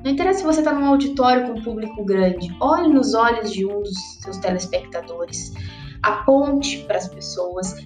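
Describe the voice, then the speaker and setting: A woman's voice: mid-range voice, darkish tone, roomy sound. A woman coaching public speaking in a casual, conversational way, often checking in with her listeners. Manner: conversational, often tags "né?" and addresses viewers directly. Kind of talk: casual instructional talk.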